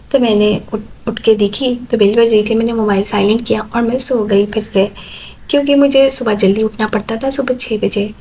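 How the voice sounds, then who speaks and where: A woman's voice: medium pitch, darkish tone, a little hiss or hum, rough recording. A woman narrating a first-person story in a plain, conversational way.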